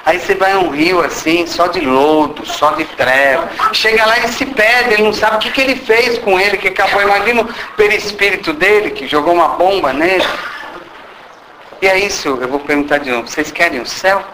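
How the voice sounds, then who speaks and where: Speaking a bit quickly in a high voice, a man with a Brazilian Portuguese accent leads an informal spiritual talk. He teases and questions his listeners and plays out little dialogues, recorded in a roomy meeting hall with background noise.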